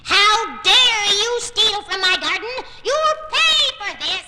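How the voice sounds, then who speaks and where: An actress playing a wicked old witch on a vintage children's story record, shrill and scolding. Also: very animated, a little slow, heavy background noise. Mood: menacing. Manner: shrill, cackling threats. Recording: long hall reverb on vintage record.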